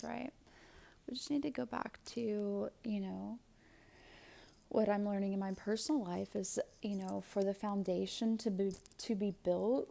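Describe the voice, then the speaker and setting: A woman talks through a tarot card reading in an easygoing, chatty way, full of fillers and little whispered asides. Her voice is dark and mellow with a gravelly fry running through it, and she takes her time. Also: medium pitch. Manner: slow, thoughtful delivery with fillers. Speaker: tarot and astrology reader. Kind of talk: casual spoken tarot reading.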